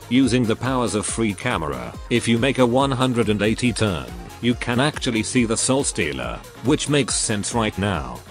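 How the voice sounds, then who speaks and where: A man narrating a scripted video game story review in a blunt, joking, sweary way. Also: fairly low pitch.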